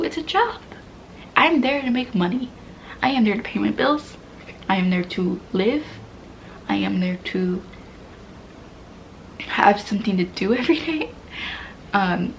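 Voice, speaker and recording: A woman in her twenties vents candidly in a vlog, rambling, swearing casually, laughing at herself, and often slipping into half-whispers. Her voice is a little high, and the poor-quality mic gives a rough recording with some hiss or hum.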